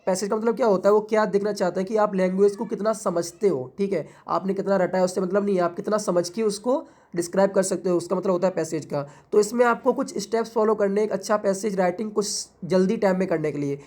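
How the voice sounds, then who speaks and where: A woman tutor walking her students through exam material at a steady, middle pitch. She poses a question, answers it herself, and spells each word out letter by letter. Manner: keeps asking and answering her own rhetorical questions; reads English definitions slowly and deliberately. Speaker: English tutor. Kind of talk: exam-prep lecture.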